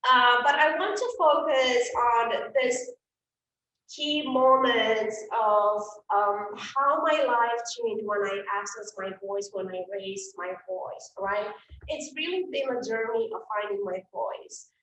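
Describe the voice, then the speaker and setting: A middle-aged Romanian woman with a Romanian accent, a speaker and coach, gives an earnest live talk to an online event audience, full of fillers and repeated words. Her fairly high voice is a bit bright and slow-paced. The recording is roomy and distant from the mic, with slight background noise.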